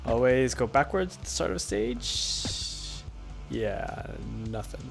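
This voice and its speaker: A man's voice: mid-range voice, big pitch swings, takes it slowly, gravelly. A man streaming a video game, giving rambling, offhand commentary as he plays. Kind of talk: casual gameplay commentary. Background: faint game music.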